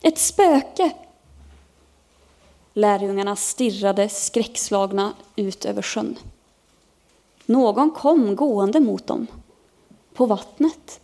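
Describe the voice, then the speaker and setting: Woman pastor reading a kids bible story at a church service, lively storytelling, middle pitch. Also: creaky. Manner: expressive storytelling, lifting her voice for characters' cries. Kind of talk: sermon reading a children's Bible story aloud.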